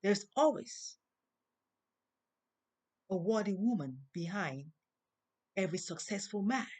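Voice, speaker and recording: A woman hosting a spoken monologue in slow, preaching tones, with a non-native English accent. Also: mid-range voice, animated, a little mellow. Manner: slow, preaching, emphatic rises. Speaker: host. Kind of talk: inspirational monologue.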